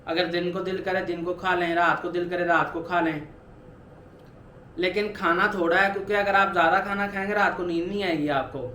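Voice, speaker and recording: A man in his twenties talks earnestly in a personal weight-loss vlog, urging his viewers on and repeating motivational points. His high-pitched voice sounds pushed and bright, with reverb and slight background noise.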